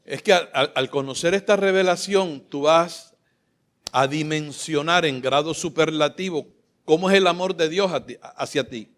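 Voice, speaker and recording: Male pastor, bright edgy tone, impassioned fervent sermon delivery. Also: on the high side, moderate pace. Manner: impassioned, rises to loud fervent exclamations and gets choked up. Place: church sanctuary.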